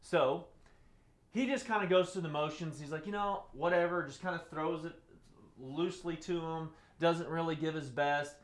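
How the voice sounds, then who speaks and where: Man teaching in a roomy, echoing space. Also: normal speed. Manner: swings between loud excited bursts and soft low delivery; repeats key phrases for emphasis. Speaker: presenter teaching webinar skills. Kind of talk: live-streamed teaching talk. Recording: roomy echo.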